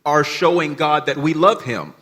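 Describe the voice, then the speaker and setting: A man with an American accent, native in English and carrying that accent into any Spanish, teaches a group in short, plain phrases. His voice sits a little high and rings through a large reverberant hall. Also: expressive, a little slow, fairly bright tone. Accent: American, also heard when speaking Spanish. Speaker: visiting speaker teaching a church seminar. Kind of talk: interpreted teaching to an audience. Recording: echoey hall, long reverb.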